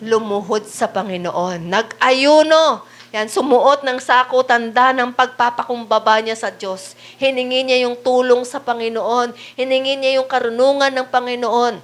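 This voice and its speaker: A woman's voice: a little high, moderate pace. A woman preaching a sermon, often asking the congregation rhetorical questions and reading Bible verses aloud in English.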